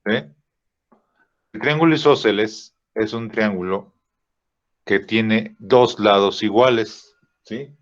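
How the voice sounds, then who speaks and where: A man teaching a drawing software lesson, thinking aloud with fillers and checking in with "¿sí?" after each step. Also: lowish voice. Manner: slow, checks in with frequent "¿sí?" and "¿no?"; thinks aloud with "este" fillers while clicking. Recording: dull lo-fi recording.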